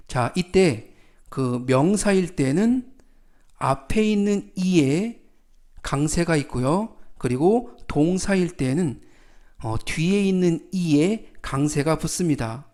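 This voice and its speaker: A man teaching English phrases in a calm, methodical lesson, often repeating key words and example sentences. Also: on the high side. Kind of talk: slow explanatory lesson.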